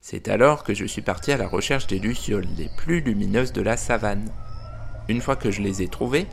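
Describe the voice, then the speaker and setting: A man's voice: on the low side, normal speed, gravelly, slight background noise. A man voicing a friendly zebra telling a childhood story in a children's audio tale. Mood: storytelling.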